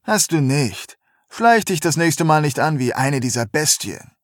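A man's voice: a little high, expressive, unhurried, no room sound, studio quality, pitched above the performer's own voice. A man reading aloud, voicing a defiant young man who answers back in a sulky, snappish way. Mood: sullen.

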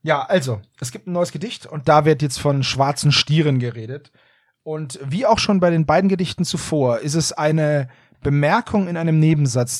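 Man, casual podcast chat, animated, dry close sound. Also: a little high, no echo. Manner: animated, laughs often, quick asides. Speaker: podcast co-host. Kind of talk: casual podcast chat reviewing an audio drama.

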